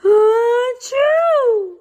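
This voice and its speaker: A woman's voice: very high voice, extremely slow, a little mellow, heavily acted. A woman voicing a worried, melodramatic elephant who keeps sneezing and hesitating, in a storybook read aloud.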